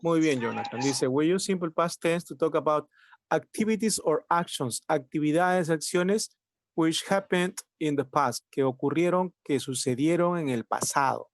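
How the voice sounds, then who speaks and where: Male language teacher, fairly high voice, patient step-by-step explaining, dry close recording. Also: a little slow, dry recording. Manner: patient, repeats key points, asks rhetorical questions. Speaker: English teacher. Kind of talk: online class explanation. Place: home, online class.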